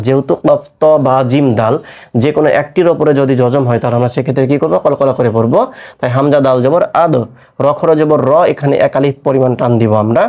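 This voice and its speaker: A man teaching Quran recitation, spelling out letters and marks and then chanting each joined word in a long, drawn-out tone. He asks his listeners questions and answers them himself. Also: mid-range voice, a little mellow. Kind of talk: step-by-step recitation lesson.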